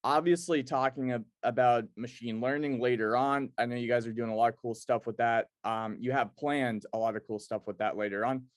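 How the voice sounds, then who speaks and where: A man's voice: mid-range voice, fairly even intonation, fairly quick, few pauses, no room sound, studio quality. A man hosting a casual interview, speaking in an informal, wordy, loosely phrased way. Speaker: interview show host.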